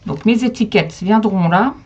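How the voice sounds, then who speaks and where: Husky and a little mellow, a woman's mid-range voice comes through at a moderate pace with the highs cut off. She's casually running a live crafting demo from her home, chatty, replying to viewer comments and speaking to her dog.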